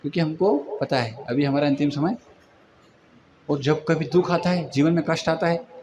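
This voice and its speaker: A man's voice: on the high side, normal speed, a little mellow, slight background noise. Conversational Hindi-speaking preacher man. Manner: conversational, acts out quoted people. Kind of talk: Hindi devotional lecture.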